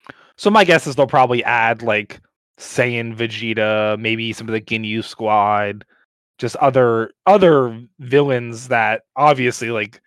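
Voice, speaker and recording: A man's voice: medium pitch, unhurried, a bit bright, smooth, no echo. Slangy frat-bro guy chatting. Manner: slangy frat-bro talk, saying bro and dude, swearing. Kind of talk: casual group chat about games and anime.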